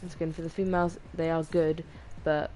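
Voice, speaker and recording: A tired woman streaming a game, talking in a monotone and rambling with restarts and apologies. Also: deep voice, a little fast, faint music behind. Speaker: gaming streamer. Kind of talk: casual gameplay commentary.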